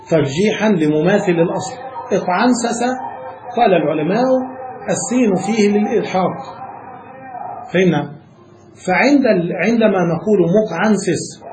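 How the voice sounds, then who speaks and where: Male teacher, high mellow voice, quizzes students as he explains, roomy echo. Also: slight background noise. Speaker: teacher of Arabic grammar. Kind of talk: classroom lesson explaining a text. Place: room with students present.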